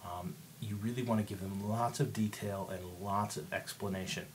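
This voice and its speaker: Male teacher, lowish voice, casual explanatory screencast delivery, slight background hiss. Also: steady tone, moderate pace. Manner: conversational, explanatory, asks rhetorical questions. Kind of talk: instructional screencast lesson.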